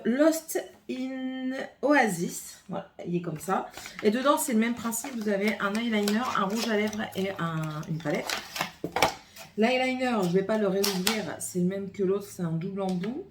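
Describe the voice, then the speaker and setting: A woman's voice: mid-range voice, animated, unhurried, a little hiss or hum. Chatty woman unboxing makeup at home. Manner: chatty, thinks aloud while unboxing. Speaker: beauty vlogger. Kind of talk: casual makeup haul with swatches. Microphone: phone camera.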